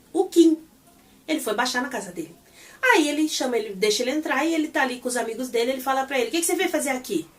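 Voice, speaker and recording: A woman recapping a TV episode in a casual, animated way, acting out the characters' lines as she goes. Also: high voice, recorded from a distance. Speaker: series reviewer.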